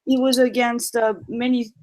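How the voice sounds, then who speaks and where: A woman who grew up in Morocco, speaking as a guest on a casual chat show. Her voice sits a little high, and she talks haltingly, filling gaps with ums and starting her phrases over. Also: flat delivery, rough recording. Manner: hesitant, many ums and restarts.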